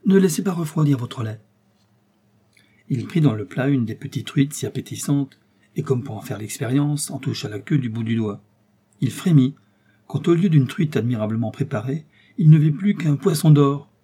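A man narrating a classic fairy tale in a measured, expressive reading. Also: medium pitch, breathy edge. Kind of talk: storybook reading.

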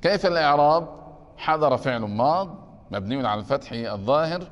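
A man's voice: mid-range voice, lively intonation, fairly quick, long reverb tail, lo-fi sound. A man teaching a class on grammar. He takes questions and keeps checking whether his students have understood. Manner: keeps asking the class if it is clear.

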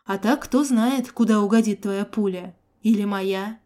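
A composed man making quiet threats over a hostage, unhurried and sure of himself, as a woman narrator reads him. The tone stays mellow and low-key rather than shouted. It is an audiobook reading, not a full dramatization. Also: close to an everyday voice. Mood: coolly threatening.

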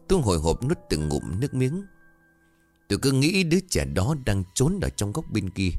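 A man narrating a ghost story, voicing the characters himself with a raised pitch. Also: a little mellow. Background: faint music.

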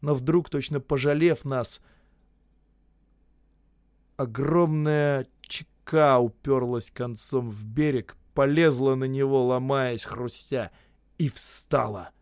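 A man narrating literary prose in a measured, dramatic storytelling way. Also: medium pitch, fairly even intonation, darkish tone, dry recording, clean studio sound. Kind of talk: audiobook reading of literary prose.

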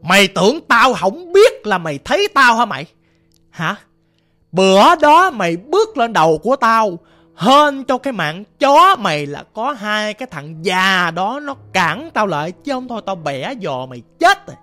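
A man's voice: very high voice, normal speed, vocal fry, pauses often, sharp tone, faint music behind, voice pushed up, exaggerated voice. A man voicing a vicious male spirit possessing an old grandmother, snarling and cursing threats in a storytelling recording. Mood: menacing.

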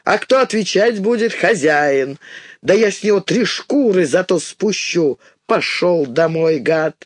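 Storybook heavy: a cruel barge owner, put on by a male reader, slow, rough and threatening. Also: sits high, animated, no room sound, studio quality. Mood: menacing.

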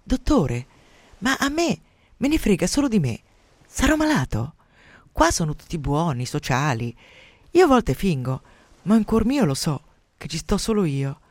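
A man's voice: high-pitched, sing-song, unhurried, pauses often, no room sound, full character voice. A man reading aloud, voicing a chattering, self-absorbed young male patient full of guilt and self-pity. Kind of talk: radio story reading.

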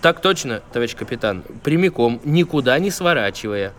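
A man playing a wry, nervous police duty lieutenant in a comic audio drama, deadpan and deferential. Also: medium pitch, fairly quick, close to an everyday voice. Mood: nervous deference.

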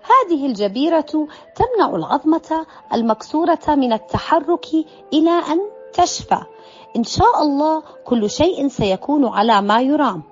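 A woman voicing a gentle mother who speaks tenderly and reassuringly, in a slightly dull recording with faint music. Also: sits high, big pitch swings, unhurried. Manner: tender, soothing.

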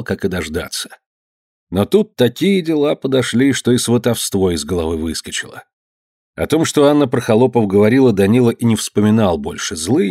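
A man narrating an audiobook of a historical tale in an expressive storytelling manner. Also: on the low side, slightly rough, no echo, clean studio sound.

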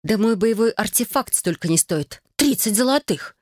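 An audiobook reader voicing a sharp-tongued young woman from a magic academy, indignant and exclamatory. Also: mid-range voice, animated, moderate pace, no room sound, clean studio sound, pitched above the performer's own voice, lightly acted.

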